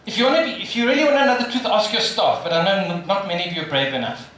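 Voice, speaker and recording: Lively South African motivational speaker. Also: male voice, high-pitched. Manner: animated, quizzing the audience with rapid questions. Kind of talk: live motivational talk. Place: large hall with a live audience. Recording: echoey hall, from a distance, audience audible.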